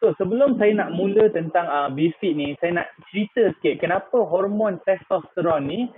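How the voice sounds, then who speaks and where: A man's voice: sits high, normal speed, slightly rough. A man in his thirties with a Malaysian Malay accent, giving a chatty live product talk full of "ah" fillers and English words. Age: 30s. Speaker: product presenter. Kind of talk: live online sales talk. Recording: tinny phone-like line with faint noise.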